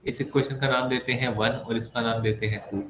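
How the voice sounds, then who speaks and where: A man's voice: medium pitch, level tone, a little fast, lo-fi sound. A man teaching maths in an online class, playful and chatty, teasing his students with asides. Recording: echoey room with faint background noise.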